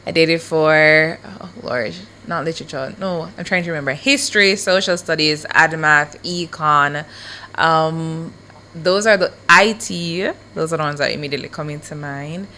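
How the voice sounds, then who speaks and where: A woman's voice: low-pitched, moderate pace, sharp tone, slight background noise. A young woman, co-hosting a radio show and recalling school days in an easygoing, laughing way. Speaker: radio co-host. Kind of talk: casual radio chat.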